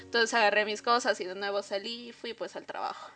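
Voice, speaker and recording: Young woman guest, casual storytelling, animated with fillers, faint music underneath. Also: mid-range voice, a little fast. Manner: animated, lots of fillers and asides to listeners. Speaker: podcast guest.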